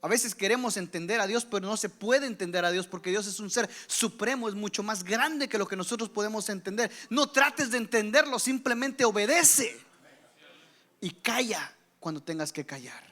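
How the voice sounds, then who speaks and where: A male pastor preaching a sermon, swinging from loud exhortation to hushed whispers and acting out the voices of the doubting crowd. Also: high-pitched, expressive, a little fast, hardly any pauses. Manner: acts out the doubting crowd's voices in his telling.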